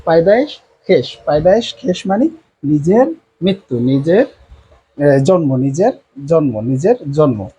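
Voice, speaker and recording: A man with a husky, breathy voice leads a board lesson, drilling each word again and again in a slow, drawn-out way. His tone is dark and mellow, yet his pitch moves a lot and sits a little high for a man. He speaks with a Bangladeshi Bengali accent. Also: very animated, low-quality recording. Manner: slow, repetitive, drawn-out teaching delivery with many fillers. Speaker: language teacher. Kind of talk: whiteboard language lesson.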